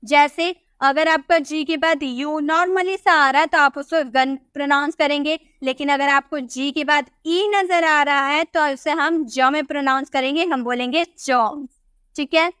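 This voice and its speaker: A woman's voice: high-pitched, fairly bright tone, dry recording, clean studio sound. A woman teaching English pronunciation rules step by step, repeating words and quizzing the viewer. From India.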